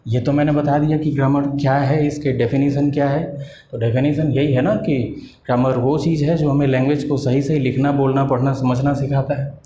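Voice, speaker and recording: A man teaching a patient, explanatory lesson, asking rhetorical questions and slowing down on key terms. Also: medium pitch, steady tone, mellow, a little hiss or hum. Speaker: English teacher. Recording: echoey room, dull lo-fi sound.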